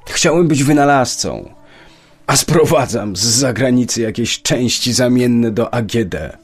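A man's voice: medium pitch, lively intonation, measured pace, husky. An actor in a radio play voicing a wealthy, lonely middle-aged businessman who speaks in a dry, reserved way. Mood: confessional. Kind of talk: radio drama acting.

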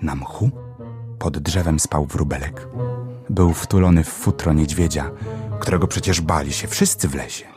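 A man narrating a children's storybook in a gentle, expressive reading. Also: rumbling low, moderate pace, music in the background. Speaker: audiobook narrator.

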